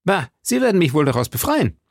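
A man's voice: a little high, very animated, brisk, creaky, slightly rough, dry recording, clean studio sound, pitched above the performer's own voice, full character voice. A man voicing a bold young musketeer who speaks eagerly and commits at once, in a German audiobook reading. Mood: resolute.

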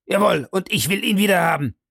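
Man putting on an enraged country squire, West Country burr, raised voice, rapid-fire ranting, gravelly edge. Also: sits high, lively intonation, no room sound, studio quality, voice pushed up, heavily acted. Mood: furious. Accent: broad West Country dialect (as told). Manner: furious, fast, shouting complaints. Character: angry blustering middle-aged country gentleman.

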